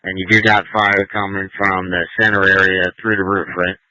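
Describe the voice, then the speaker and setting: A man's voice: low voice, level tone, moderate pace, bright, forceful tone, a little hiss or hum. A man serving as fire incident commander, giving instructions and confirming reports over a two-way radio. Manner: directive, checks and repeats information back. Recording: muffled fire radio audio.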